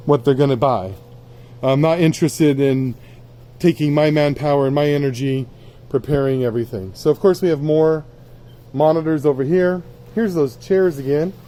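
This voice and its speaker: A man's voice: fairly high pitch, mellow. A plain-spoken man giving a casual, off-the-cuff sales tour of stock while walking through a warehouse. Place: indoors in a cluttered warehouse, walking.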